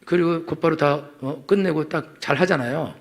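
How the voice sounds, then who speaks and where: A man's voice: a little high, normal speed, creaky. A middle-aged male pastor giving a Sunday sermon in a chatty, teasing way, acting out quoted voices for the congregation.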